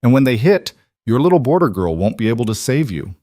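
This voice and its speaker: A man's voice: medium pitch, very animated, fairly quick, warm tone, no room sound, clean studio sound, pitched above the performer's own voice. A man voicing a sneering chained traitor. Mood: menacing. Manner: spiteful and taunting. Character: captive scheming male traitor, bitter and sneering.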